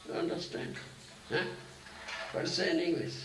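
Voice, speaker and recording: A man's voice: sits high, steady tone, normal speed, background noise. A man giving a sermon as a spiritual teacher, often asking his listeners "huh? isn't it?". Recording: echoey room, mic at a distance.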